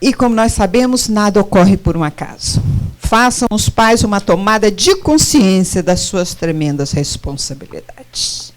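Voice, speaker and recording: A woman's voice: medium pitch, measured pace. A middle-aged woman giving a spiritist lecture, often putting questions straight to her audience. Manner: animated, questions the audience directly.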